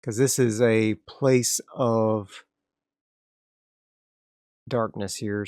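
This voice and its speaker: Here a medium-pitched man talks himself through a solo tabletop game, thinking aloud as he prepares his next area. He's relaxed and meandering, frequently starting over, and the studio-quality recording has no echo.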